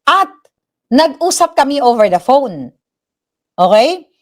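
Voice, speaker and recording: A woman's voice: high-pitched, very animated, slow pace. A middle-aged woman from the Philippines, living in the United States, hosts a casual livestream and chats animatedly in Tagalog mixed with English, acting out the voices she quotes. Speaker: livestream commentary host. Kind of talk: casual chatty storytelling.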